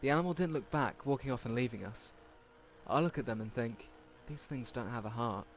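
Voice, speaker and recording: Brisk and mid-range, a man's voice reads visual novel dialogue for a let's play and sometimes stumbles. The audio is poor, with game music in the background.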